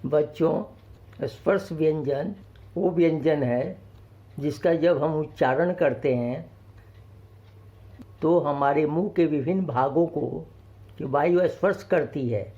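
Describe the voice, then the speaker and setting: A male teacher speaks slowly and patiently to young pupils, going over every point twice. His voice sits a little high but sounds mellow and soft-edged. The recording is dull and lo-fi. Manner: slow, patient, explains each point twice. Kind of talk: children's grammar lesson.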